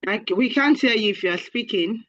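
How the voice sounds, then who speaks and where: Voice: mid-range voice, fairly quick, a bit bright, no echo. A host runs an online meeting over a video call with short, practical remarks, checking the sound and the shared screen. The audio comes through dull and close, with no room sound at all. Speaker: webinar host.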